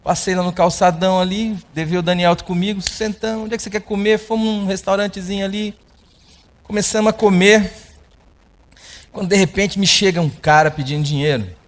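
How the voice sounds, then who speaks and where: Male pastor, story-driven sermon, slightly high voice, acts out the dialogue and sound effects as he goes. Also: fairly even intonation, moderate pace.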